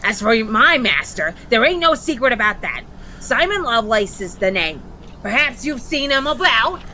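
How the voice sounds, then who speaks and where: A woman's voice: a little high, sing-song, moderate pace, bright, forceful tone, slight background noise, pitched above the performer's own voice. A woman doing a cheeky slangy imp.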